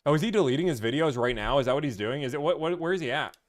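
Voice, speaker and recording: A man's voice: a little high, expressive, racing. A man hosting a casual live stream, rambling, teasing and answering comments from chat.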